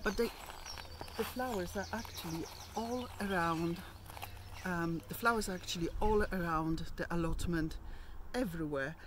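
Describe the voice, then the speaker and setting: A middle-aged woman with a fairly low voice talks her way around her allotment plot outdoors, recorded on a handheld camera or phone. Her talk is chatty and wandering, full of ums and restarts, with faint outdoor ambience behind her. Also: slight background noise. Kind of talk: casual garden tour vlog.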